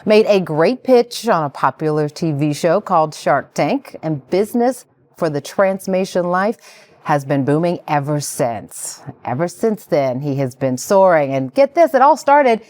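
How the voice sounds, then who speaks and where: A woman's voice: sits low, a little slow, no echo. Playful woman hosting a talk show. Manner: lively, playful, teasing asides. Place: TV studio.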